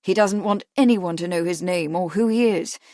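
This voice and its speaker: A woman narrator voicing a grim, steady Victorian gentleman who speaks calmly and gravely. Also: fairly low pitch, moderate pace, dry recording, studio quality, lightly acted. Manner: calm, grave.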